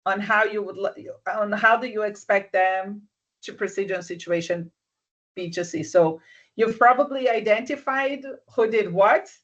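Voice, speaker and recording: On a video call, a business mentor offers workplace advice in a live online session, soft-spoken and gentle, checking that he's understood. His mid-pitched voice moves a little slowly and restarts often, and the call audio sounds slightly dull and muffled.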